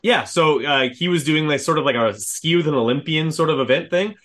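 A man in his thirties from Manitoba, Canada, hosting a casual interview and telling stories in a lively, chatty way. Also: a little high, a little fast. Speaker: podcast host.

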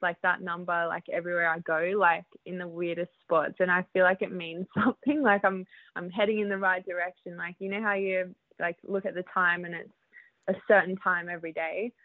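A young Australian woman talks about riding in a chatty, easygoing way, her words full of fillers and quick laughs. Her voice comes through a dry, tinny, phone-like line. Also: lowish voice, flat delivery, no room sound. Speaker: guest, motocross rider. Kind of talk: casual interview.

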